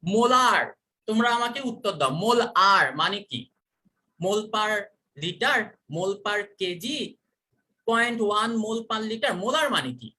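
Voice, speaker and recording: Lively, bright-voiced teacher. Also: mid-range voice, moderate pace. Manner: repeats questions and quizzes students. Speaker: chemistry teacher. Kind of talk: online class lecture.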